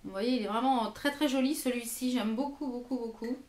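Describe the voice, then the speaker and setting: A woman's voice: a little high, brisk, darkish tone, roomy sound, a little hiss or hum. A French woman reviewing lipsticks in her own vlog, hesitant and full of fillers and repeated words. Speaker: beauty vlogger. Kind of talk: product review.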